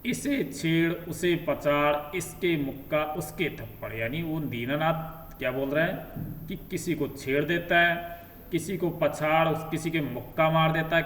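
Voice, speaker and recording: A man's voice: fairly high pitch, fairly bright tone. A male teacher explaining a textbook lesson, who reads a line and then paraphrases it plainly. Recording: echoey room from a distance, faint noise.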